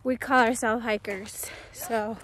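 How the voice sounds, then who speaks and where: Slow-talking young woman vlogger, breathless. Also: a little high, steady tone, fairly bright tone, a little hiss or hum. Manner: slangy, laughing, swearing. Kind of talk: casual outdoor vlog chat. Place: outdoors on a hiking trail.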